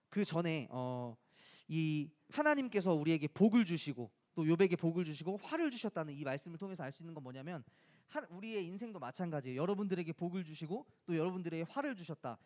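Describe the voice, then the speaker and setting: Lively higher-voiced male preacher. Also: brisk. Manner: conversational, asks the listeners rhetorical questions; acts out quoted voices of friends and scripture. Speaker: pastor. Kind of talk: sermon.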